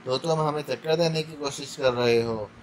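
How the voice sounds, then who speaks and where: A man's voice: medium pitch, moderate pace, a little hiss or hum, close to an everyday voice. A man voicing a cold male interrogator who threatens a captive in an icy tone. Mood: icy menace.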